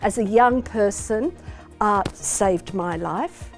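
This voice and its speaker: A woman's voice: medium pitch, slow. Woman, from Australia, older, articulate, heartfelt, interview, faint music. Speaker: artist, retired academic.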